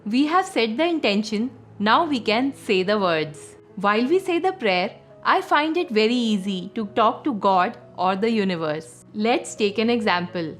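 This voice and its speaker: Woman, fairly high voice, gentle and slow, calm spiritual tutorial, soft music behind. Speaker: spiritual teacher.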